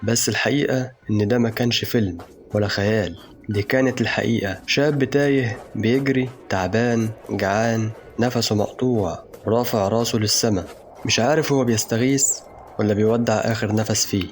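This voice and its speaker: A man with an Egyptian Arabic accent narrating a dark first-person story in a slow, brooding, intense way. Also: on the low side, fairly even intonation, a little hiss or hum.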